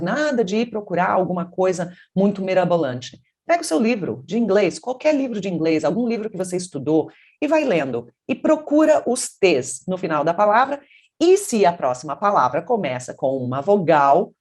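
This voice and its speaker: Slow, lively Brazilian English teacher. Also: female voice. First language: Portuguese. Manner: explains slowly, then models English words in a deeper voice. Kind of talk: pronunciation lesson.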